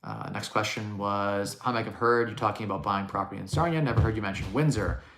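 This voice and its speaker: A man's voice: on the low side, fast, a bit bright, reverberant. A man in his thirties hosting a live podcast, answering questions in a casual, direct way and walking through the numbers in plain terms. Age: 30s. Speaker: podcast host.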